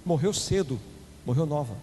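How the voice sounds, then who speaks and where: Brazilian apostle preaching, loud then quick low asides, faint noise in a big echoey church. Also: male voice, animated. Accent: Brazilian Portuguese. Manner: shifts between loud declaiming and fast low asides to the congregation. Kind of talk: sermon. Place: church hall. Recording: long hall reverb, faint room noise.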